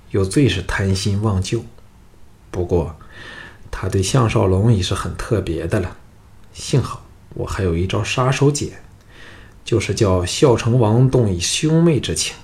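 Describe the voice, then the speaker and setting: A man's voice: on the low side, a little mellow. A man voicing a gloating cruel noble villain. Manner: gloating, cold and menacing. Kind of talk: audiobook character voice.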